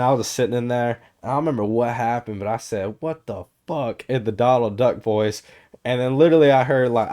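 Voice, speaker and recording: A man's voice: mid-range voice, darkish tone. A young adult man co-hosting a casual podcast, telling stories animatedly, swearing freely and acting out other people's voices. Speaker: podcast co-host. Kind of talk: casual chat.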